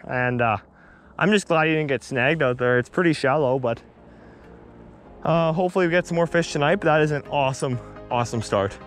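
A young man filming himself fishing on a river shore, chatting excitedly on an action camera with lots of fillers and restarts. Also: on the high side, brisk, soft background music. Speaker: fishing vlogger. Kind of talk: casual on-the-spot fishing commentary. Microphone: action camera on body.

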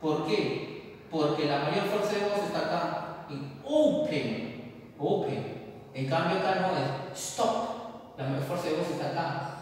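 Man, teacher, slow deliberate speech, voice slightly raised, repeats and checks understanding, heavy room echo, distant mic. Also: on the high side. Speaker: English teacher. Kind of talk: classroom explanation. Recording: echoey room, voice from far off, faint hiss.

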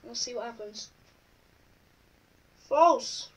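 High-pitched girl vlogging, reading a quiz out and answering as she goes, sounds a bit far from the mic. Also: takes it slowly. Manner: chatty, reads questions aloud and answers them offhand. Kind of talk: casual chat while taking an online quiz.

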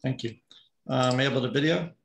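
A man's voice: medium pitch, fast talker, creaky, roomy sound. A middle-aged man, a town youth director, giving passionate, pleading public comment at a zoning hearing over a video call. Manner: passionate, pleading, emphatic repetition.

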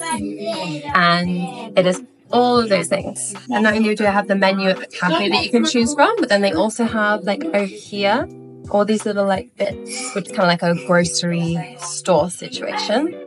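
A woman's voice: medium pitch, a little slow, music in the background, rough recording. A young woman in her twenties chatting upbeat to her phone camera, with lots of fillers. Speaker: vlogger. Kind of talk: casual vlog to camera. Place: outdoors on a rooftop and streets, then inside a cafe. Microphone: phone camera at arm's length.

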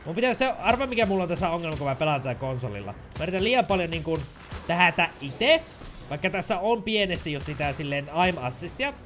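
Male gamer, upbeat let's play talker, animated higher voice, playful sound effects. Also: soft background music. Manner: excitable, makes sound effects, chatty.

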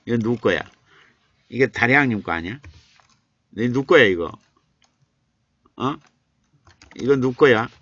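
Older male professor streaming live, playful and repetitive as he reads out chat; bright, forward voice over dull lo-fi audio. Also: medium pitch, animated, unhurried, long pauses, no echo. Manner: chatty, reads viewer comments aloud and teases them playfully; explains patiently, repeating himself. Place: home streaming room.

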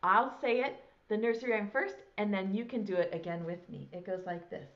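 On a small indoor classroom set, a middle-aged preschool teacher runs a nursery-rhyme lesson for kids' circle time with broad, theatrical singsong delivery. She has a medium-pitched, slightly bright voice and talks a little fast; the lapel mic recording sounds lo-fi.

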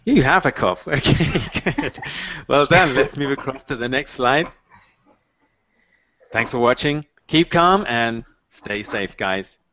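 This thirties-aged man teaches a mini English lesson online, using a headset on a video call in a small room at home. His mid-range voice is expressive, pushed and bright, yet he stays clear, patient and encouraging, modeling phrases slowly. The recording has dull, dry video-call audio with a little background noise.

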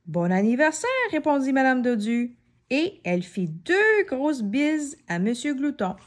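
A woman reading a children's storybook aloud in an expressive way, often asking questions of the child listening. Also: sits high, a little slow.

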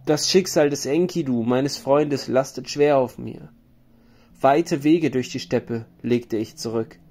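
A man's voice: mid-range voice, slow pace, a little mellow. Male reader as a mourning wandering hero king in an audiobook epic, solemn and lamenting. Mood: grieving.

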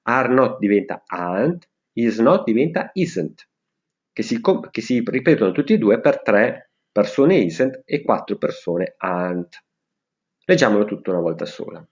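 A man explains English grammar to schoolchildren, pausing to say each example sentence slowly. His voice sits fairly low but leaps up and down with lively emphasis. The recording sounds dull and lo-fi. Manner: slow, spelled-out example sentences. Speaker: English teacher.

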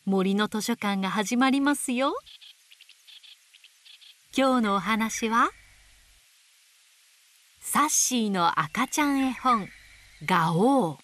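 A woman plays a gentle, motherly owl teacher reading a picture book to toddlers, using playful sound words. Her voice is on the high side and animated, slow with frequent pauses, and gently teasing. Faint nature sounds murmur in the background.

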